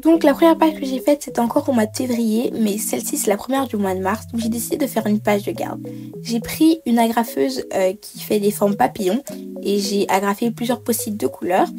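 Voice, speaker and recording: A woman's voice: a little high, fairly quick, over music. A woman giving a chatty craft tutorial voice-over, explaining each step with frequent hesitations. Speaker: bullet journal creator.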